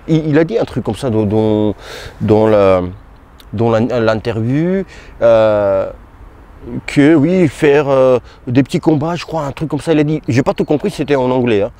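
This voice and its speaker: A man giving casual, halting boxing commentary straight to his viewers, as if chatting with a friend. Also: medium pitch, dark tone. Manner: hesitant, halting, talks to viewers as "tu". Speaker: boxing YouTuber.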